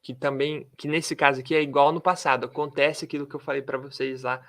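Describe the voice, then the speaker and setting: A man's voice: mid-range voice, little pitch movement, a bit bright. A man teaching an English lesson, mixing explanations with English words and carefully modeling pronunciation. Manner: switches between Portuguese and English, models pronunciation slowly. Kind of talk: English lesson taught in Portuguese.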